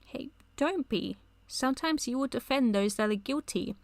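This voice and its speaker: Woman reading out a calm dad lawyer reassuring his kid, dry sound. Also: high voice, moderate pace, no echo, voice pushed up. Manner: read aloud from a chat log. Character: older male lawyer father, calm and reassuring.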